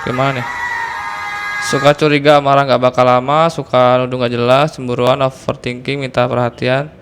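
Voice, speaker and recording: A man's voice: mid-range voice, level tone, normal speed, over music. A man hosting a reaction video, making chatty, amused asides to his viewers. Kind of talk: casual reaction commentary.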